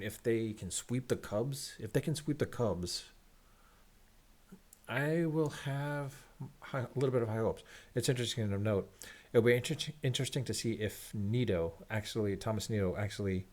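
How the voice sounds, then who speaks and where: A man with a fairly low voice talks to his viewers as a disappointed sports fan. His rant is unscripted and rambling, with halting starts and repeated phrases, and it sounds resigned. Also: a little mellow.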